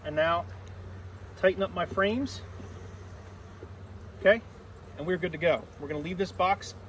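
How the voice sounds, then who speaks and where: A middle-aged man walks through a hive inspection out in a yard, explaining each step plainly as he works. His voice sits a little high for a man and comes from a few steps off the camera mic. A faint outdoor hum runs under him. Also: a little slow, fairly bright tone. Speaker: beekeeper. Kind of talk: hands-on teaching demonstration. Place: outdoor apiary on a grassy yard. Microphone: camera mic a few steps away. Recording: distant outdoor camera audio.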